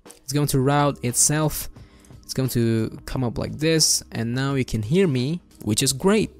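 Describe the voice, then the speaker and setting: Speaking close to a boom-arm desk microphone in his home bedroom, a young man gives an informal, easygoing and enthusiastic screen-recorded software tutorial. His voice sits in the mid-range and keeps a measured pace, with faint music behind him.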